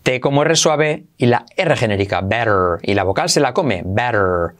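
A man teaching English phrases in a casual video lesson, playfully repeating words slowly to model how they sound. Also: mid-range voice, expressive, fairly bright tone.

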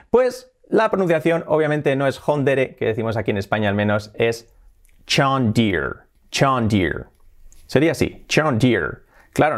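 A man from Spain with a Spanish accent, hosting a casual video lesson, animated and laughing often as he switches between Spanish and English. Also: medium pitch. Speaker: English teacher, channel host.

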